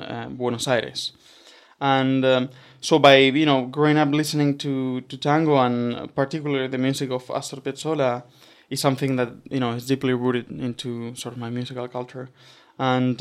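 A man's voice: mid-range voice, clean tone. A young man from Argentina, talking as a guest in a casual interview, hesitant with many fillers and restarts. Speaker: doctoral student guest.

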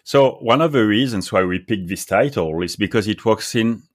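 A man with a French accent speaks in a very low voice. He is an author on a podcast and explains his ideas earnestly and clearly, one point after another. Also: animated, normal speed. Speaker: author and guest. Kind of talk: podcast interview.

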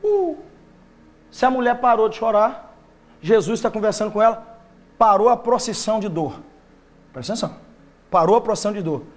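A male preacher, delivering an impassioned sermon that swings from loud bursts to hushed intensity. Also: sits high, lively intonation, normal speed, pauses often.

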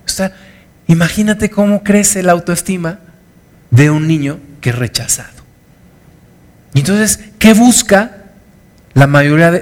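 Slow-preaching pastor. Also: male voice, on the high side. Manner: earnest, emphatic preaching with repetitions. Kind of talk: sermon.

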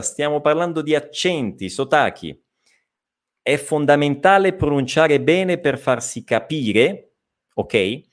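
An Italian man with an Italian accent, teaching a live online language lesson and explaining pronunciation patiently. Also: mid-range voice. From Italy. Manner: explanatory, repeats words slowly, reads chat questions.

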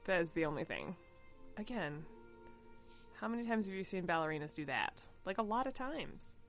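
A woman giving casual running commentary while watching a movie, animated and quick to laugh. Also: fairly low pitch, faint music behind.

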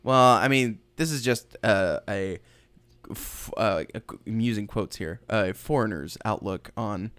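A man's voice: on the low side, unhurried, clear, resonant tone. A man co-hosting a podcast in casual chat, joking and laughing a lot. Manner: animated, laughs a lot, jokey. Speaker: podcast co-host.

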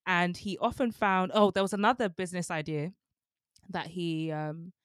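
Young female podcast co-host, low-pitched, relaxed fillers, dry studio mic. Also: normal speed, no room sound. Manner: chatty, laughs often, many fillers. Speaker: book club podcast co-host. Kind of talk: casual book discussion.

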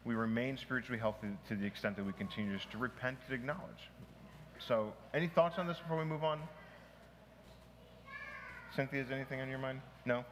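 A man's voice: medium pitch, a little fast, long pauses. A male pastor teaching a small church group in an informal, conversational way, with restarts, asides and questions to the group. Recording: long hall reverb, faint noise.

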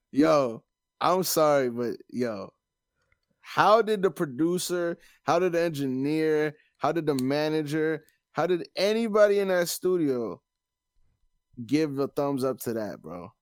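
A man's voice: on the high side, lively intonation, a little slow, no echo, studio quality. A man chatting casually as a podcast host, slangy and opinionated.

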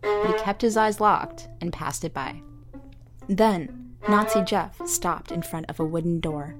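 A woman narrating an audio drama in a measured storytelling manner. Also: lowish voice, over music.

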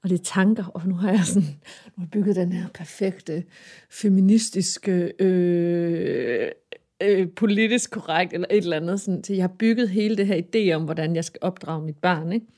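Woman in casual conversation, earnest and reflective. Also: lowish voice. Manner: earnest, reflective, animated at times. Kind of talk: casual chat.

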